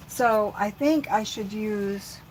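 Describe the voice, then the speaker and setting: A woman's voice: mid-range voice, darkish tone, a little hiss or hum, rough recording. Chatty woman hosting a crafting livestream. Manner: chatty and rambling, talks to viewers while working. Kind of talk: casual crafting livestream chat.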